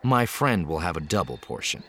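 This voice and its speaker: A steady, gruff spacer with a deep voice and dry, measured delivery, as a male narrator puts him on. Faint noise hums underneath. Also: exaggerated voice.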